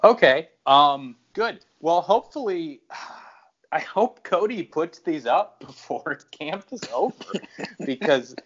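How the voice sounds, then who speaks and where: A man's voice: on the high side, expressive, slow, fairly bright tone, husky. A man hosting a podcast in casual chat, joking and laughing as he talks. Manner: jokey and laughing. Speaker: podcast host. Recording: dull lo-fi sound.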